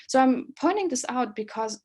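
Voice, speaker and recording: A woman's voice: sits high, expressive, moderate pace, dark tone, slightly rough. A woman in her forties from East Germany with a German accent, an associate professor presenting a webinar, earnest and full of ums and uhs. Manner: many um and uh fillers, friendly and earnest.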